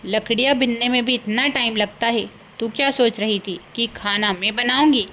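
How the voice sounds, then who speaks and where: A woman's voice: fairly high pitch, moderate pace, pushed and bright, a little hiss or hum. A woman voicing a scolding, greedy older village mother-in-law in a cartoon, bossy and scornful. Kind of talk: cartoon voice acting.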